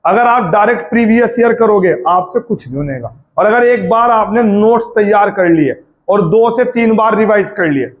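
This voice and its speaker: A man's voice: sits high, lively intonation, moderate pace. A man teaching grammar for exams, drilling vowel sounds and checking often whether his students have understood. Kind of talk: exam-prep Hindi grammar lesson.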